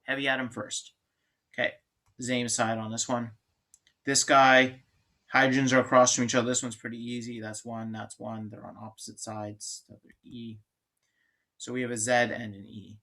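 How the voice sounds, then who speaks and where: A man's voice: medium pitch, flat delivery, normal speed, pushed and bright. A man lecturing on chemistry in an informal, joking way, thinking aloud and restarting sentences. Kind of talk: classroom lecture.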